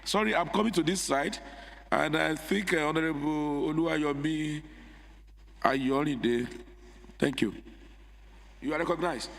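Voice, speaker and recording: Nigerian speaker chairing a session. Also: male voice, a little high. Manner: informal, conversational asides. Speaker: house speaker. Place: legislative chamber. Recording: reverberant assembly hall.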